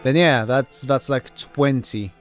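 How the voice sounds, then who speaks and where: A man giving casual commentary on his own playthrough, halting, repeating words and swearing freely. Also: mid-range voice, soft background music. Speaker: gamer narrating own playthrough.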